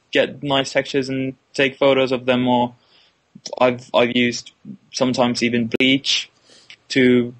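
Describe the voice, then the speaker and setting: The recording is rough, but a mid-range male voice comes through: a Finnish illustration student in his twenties giving interview answers with a Finnish accent. Not a native speaker, he's tentative throughout, with restarts, repeated words, and frequent "kinda like" fillers.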